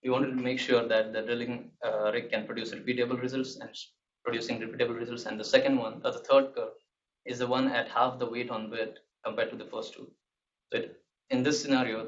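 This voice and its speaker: A young man giving a technical thesis presentation, halting and hesitant, often restarting his words. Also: mid-range voice. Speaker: PhD candidate presenting a thesis defense. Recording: muffled, distant mic with background noise.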